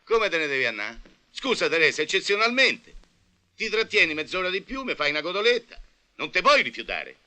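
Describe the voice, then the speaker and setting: Film comedy: a self-pitying middle-aged businessman, bright and lively, wheedling and plaintive. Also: sits high, fairly quick, exaggerated voice. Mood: blustering. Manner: plaintive, wheedling, then blustering. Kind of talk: 1980 film comedy acting.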